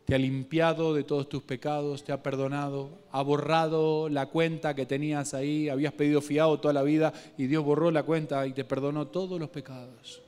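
In a somewhat high, level, clean voice, a Guatemalan-accented male preacher delivers a sermon packed with local slang and humor. He alternates quiet, slow reading with louder, faster bursts.

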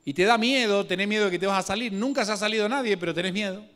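A male preacher with a Guatemalan Spanish accent delivers a sermon in a somewhat high voice. He tells the story with local slang and humor. He drops to a quiet, slow reading, then rises to louder, quicker bursts.

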